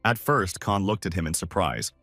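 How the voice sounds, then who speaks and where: Male recap narrator, animated storytelling, dry close sound, soft music behind. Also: low-pitched, normal speed, dry recording. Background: faint music.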